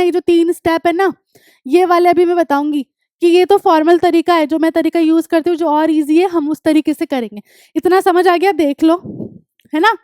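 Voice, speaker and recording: A young woman gives a classroom lesson in a very high, light voice. She switches between quick explanations and slow, deliberate reading of sentences, stopping often to ask if everyone follows. The sound is close and completely dry. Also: darkish tone, no room sound. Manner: explains in Hindi, reads English lines slowly and deliberately; frequent check-ins with students. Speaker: English teacher. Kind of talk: classroom lecture.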